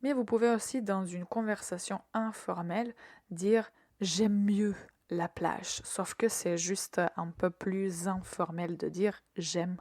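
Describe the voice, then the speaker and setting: Slow, patient woman teaching French verbs. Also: mid-range voice, steady tone, clean studio sound. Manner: patient and careful, repeating words slowly for learners to echo; pauses with soft fillers while explaining. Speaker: French teacher hosting a verb podcast. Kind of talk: scripted language lesson.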